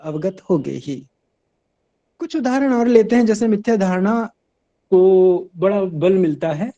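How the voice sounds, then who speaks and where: A man, a Buddhist monk, gives a measured, teacherly Dhamma talk with pauses and fillers. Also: sits high, dark tone.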